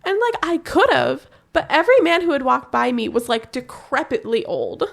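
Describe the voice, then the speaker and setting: High-voiced woman telling a story. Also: normal speed, gravelly. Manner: animated, profane, laughing storyteller. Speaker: podcast co-host. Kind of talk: casual storytelling chat.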